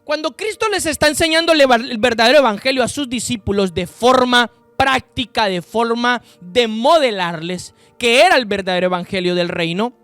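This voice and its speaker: Male preacher, high voice, emphatic sermon delivery, speaks straight to his listeners, dry close sound. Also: expressive, a bit bright, dry recording, soft background music. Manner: slow, emphatic scripture reading with sudden pitch rises and drops; addresses listeners directly. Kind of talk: sermon with Bible reading.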